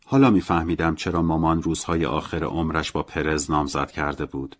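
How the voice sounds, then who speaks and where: A man reading a novel as a first-person audiobook narrator, in a calm, measured and reflective way. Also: rumbling low.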